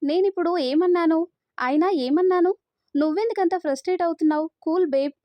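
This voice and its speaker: A woman voicing a laid-back young man who stays calm, in a storybook reading. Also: very high-pitched, fairly quick, dry recording, muffled recording. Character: young man, easygoing and cool.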